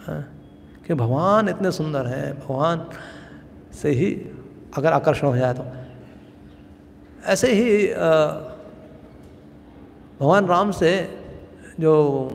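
A man giving a devotional scripture class, telling the story in a lively way and chuckling as he goes. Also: a little high, big-room sound, slight background noise. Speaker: lecturer on scripture.

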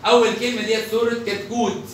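A man's voice: sits high, level tone, fast, slight background noise. A man with an Egyptian Arabic accent teaching a children's grammar lesson, stretching out example words and quizzing pupils by name. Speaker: primary school teacher. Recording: echoey room, mic far off.

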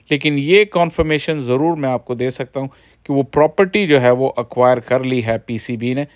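A man gives a casual, conversational vlog narration as he films a stadium construction site. He explains things at length and leans on filler phrases. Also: mid-range voice. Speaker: cricket vlogger.

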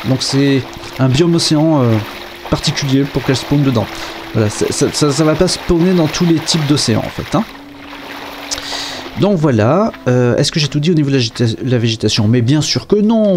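A man's voice: a little high, noisy background. A man casually commenting on a game as he plays, chatty and hesitant, with many fillers and joking asides. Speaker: game video presenter.

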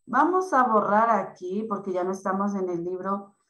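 A woman teaching young children in an online class, explaining slowly and patiently. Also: medium pitch, lively intonation, a bit bright, echoey room, poor audio. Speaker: primary school teacher.

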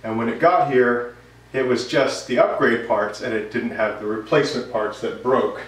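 A thirties-aged man hosts a woodworking vlog and gives a casual, rambling update to camera from his indoor home workshop. His voice sits at medium pitch with a steady tone and moderate pace, and his manner is conversational. The recording sounds roomy, distant, and noisy.

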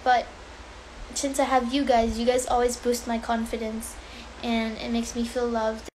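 A woman's voice: fairly high pitch, flat delivery, normal speed, darkish tone, a little hiss or hum, poor audio. A woman chatting casually with fans on a phone livestream, answering their questions and reassuring them. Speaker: social media personality on a livestream.

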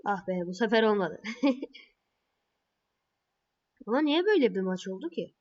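A woman playing a mobile football game, calling her own plays and reacting with excited and frustrated outbursts. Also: medium pitch, moderate pace, lo-fi sound.

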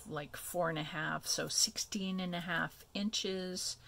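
Woman crafting host, unhurried, gravelly low voice, faint background hiss, chatty with ums. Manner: relaxed, chatty, many ums and asides. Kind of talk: casual craft tutorial.

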